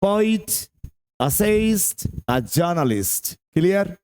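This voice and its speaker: A man's voice: high-pitched, animated, slow, a little mellow, clear, resonant tone. A male English teacher with a Bihari Hindi accent giving a classroom-style lecture, drilling pronunciation by repeating words and checking that students understand. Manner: mixes in English terms, asks students if they understood.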